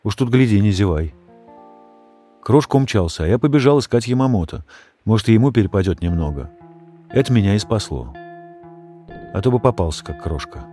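A man reading a children's story aloud, expressive and raising his voice for the dogs' shouts. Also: fairly low pitch, fairly quick, long pauses, faint music behind. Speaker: audiobook reader. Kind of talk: storybook narration.

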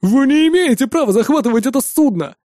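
A man's voice: mellow, no echo, studio quality. A man doing a frightened, pleading engineer. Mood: protesting. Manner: high, rushed and begging. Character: fearful pleading male engineer.

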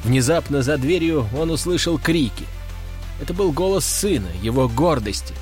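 A man narrating a crime story in an even, measured storytelling manner. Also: a little high. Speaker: audiobook narrator. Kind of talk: scripted narration. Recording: dry close studio sound, faint music.

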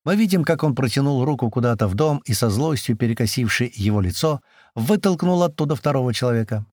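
A man reading a first-person audiobook aloud, brisk storytelling with voiced dialogue. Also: mid-range voice, lively intonation, a little mellow, no room sound, clean studio sound. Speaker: audiobook narrator.

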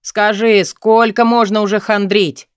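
A man voicing a pushy, crude, excitable young man in an audiobook, raising his voice and pitch to badger a friend. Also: moderate pace, no echo, clean studio sound. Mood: exasperated. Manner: eager, crude, insistent.

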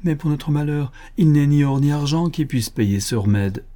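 A man's voice: fairly high pitch, expressive, moderate pace, mellow, pitched above the performer's own voice, close to an everyday voice. A man reading an audiobook, voicing a humble, grieving forest keeper who speaks with deference and emotion. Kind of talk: audiobook character voice.

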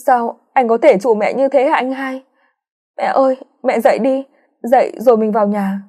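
A woman playing a grieving girl in a storybook reading, pitched high, pleading. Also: fairly even intonation, moderate pace, a little mellow, natural voice. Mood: distraught. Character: grief-stricken young woman, clinging and pleading.

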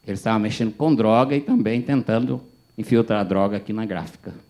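A preacher doing a stern church elder. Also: male voice, lowish voice, brisk, darkish tone, close to an everyday voice. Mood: firm.

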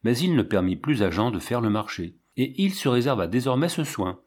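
A man narrating an audiobook in a measured, dramatic reading. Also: mid-range voice, very animated, breathy edge.

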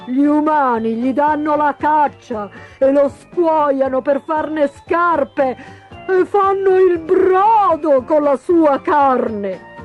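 A woman voicing a pompous pelican bird acting as prosecutor in a children's story, declaiming slowly. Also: high-pitched, lo-fi sound, faint music behind, voice pushed up. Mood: indignant. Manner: declaiming, indignant.

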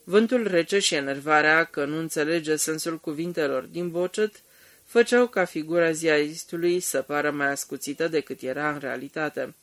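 A man narrating an audiobook in a steady, measured reading. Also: on the high side, dry recording. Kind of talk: scripted narration.

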